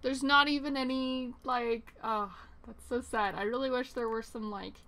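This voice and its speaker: A woman's voice: on the high side, steady tone, normal speed, bright, forceful tone. A young woman chatting casually as she plays a life-simulation game, rambling and reacting with surprise. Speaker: let's play host. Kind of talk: casual gameplay commentary.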